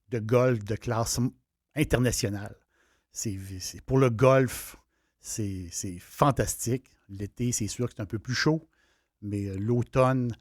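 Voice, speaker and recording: A man's voice: medium pitch, dry recording. Enthusiastic Quebec French man, dry sound. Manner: chatty, enthusiastic, with frequent restarts and fillers. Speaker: travel host. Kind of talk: casual travel talk.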